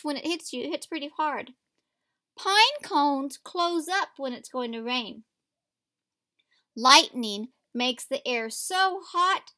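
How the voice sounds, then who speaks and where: Her voice high and bright, a female primary teacher reads a picture book aloud at an indoor table and takes her time with the words. Addressing the young children directly, she teaches and questions them as the story lesson goes on.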